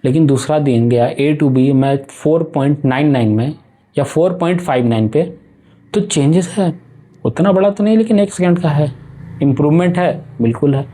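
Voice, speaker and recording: A young man talks to his viewers like a friend, coaching them through a casual self-improvement pep talk. His voice sits a little high for a man but has a mellow, warm tone. He slips English phrases into his talk. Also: moderate pace. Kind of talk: casual motivational talk to camera.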